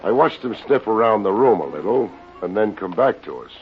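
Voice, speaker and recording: In a 1950s American radio drama, a male lead actor narrates and plays a wisecracking, unflappable private investigator with an American accent. His lowish voice, close to an everyday one, is animated and brisk, delivering dry, sardonic, wry narration. The old radio recording sounds dull and has music.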